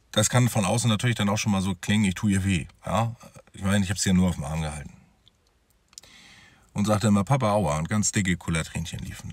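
Man, low husky voice, dry close sound, conversational vlog monologue, talks straight to viewers. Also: no echo. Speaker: father telling his own story.

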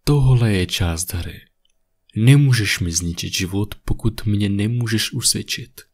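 Man doing a slow, cold scheming villain. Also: on the low side, slightly rough. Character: menacing young man, cold scheming game-maker. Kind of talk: creepypasta reading. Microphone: USB condenser mic.

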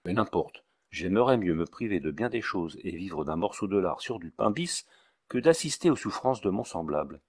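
A man voicing a long-winded village doctor, ceremonious, preachy, lowish voice, audiobook. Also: big pitch swings, moderate pace, heavily acted. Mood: sententious.

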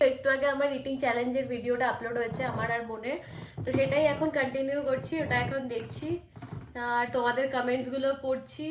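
A woman's voice: high voice, reverberant. A young woman with a West Bengal Bengali accent, vlogging casually from home and talking straight to her viewers. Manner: talkative, addresses viewers directly. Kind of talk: casual chatty vlog to camera. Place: at home indoors. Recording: clear background noise.

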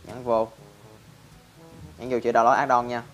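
A man's voice: mid-range voice, flat delivery, measured pace, lo-fi sound, soft background music. A man hosting a casual game tutorial in a chatty style, constantly addressing viewers. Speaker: Minecraft channel host.

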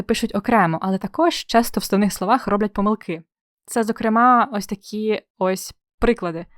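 A woman's voice: mid-range voice, dry recording, studio quality. A young woman teaching an exam-prep spelling lesson, explaining in a friendly way with playful comparisons and questions to the viewer.

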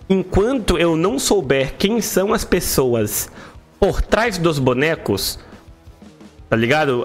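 An animated young man with a Brazilian Portuguese accent hosts a casual group reaction chat. His voice sits a little high for a man and he jokes freely, with soft music playing underneath. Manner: animated, jokey, swears casually. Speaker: streamer host.

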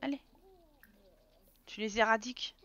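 A woman streamer rattles through casual live commentary, scolding her game characters and thanking viewers in chat. Her voice is bright and forceful and sits a little high. The stream audio is slightly dull, with faint game music underneath. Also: fairly even intonation, a little slow. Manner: chatty, exasperated, talks to game characters and chat.

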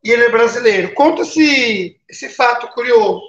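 A man's voice: very high voice, lively intonation, normal speed, a bit bright. A man with a Brazilian accent hosting a casual baking live stream, chatting and greeting viewers by name, with lots of tag questions. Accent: Brazilian Portuguese. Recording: roomy, slightly dull live-stream audio.

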